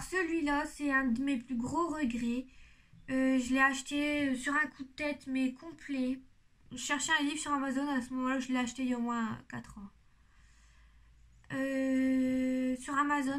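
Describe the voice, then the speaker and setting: A woman with a high, light voice chats to camera about her coloring books. She talks loosely and hesitantly, restarting sentences and trailing off as she goes. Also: fairly bright tone. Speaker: coloring-book vlogger. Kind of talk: casual show-and-tell chat to camera. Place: indoors at home in sunlight.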